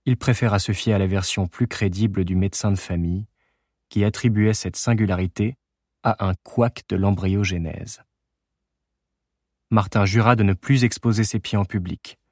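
A man narrating a literary audiobook in a measured, unhurried reading. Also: lowish voice, a little mellow, no room sound, clean studio sound.

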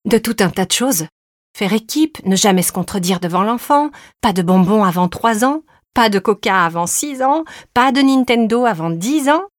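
A woman's voice: mid-range voice, lively intonation, normal speed, no echo, studio quality, pitched above the performer's own voice, lightly acted. A woman reader voicing a pregnant young wife who is firm, teasing and sure of her rules, in an audiobook.

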